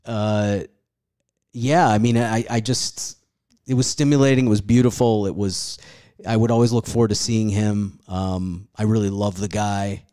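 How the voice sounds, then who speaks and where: A man in his forties with a very low voice talks loosely on a podcast. He rambles from thought to thought, puts himself down and swears casually. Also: steady tone, measured pace, warm tone, clean tone. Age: 40s. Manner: rambling, self-deprecating, swears freely. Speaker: comedian guest.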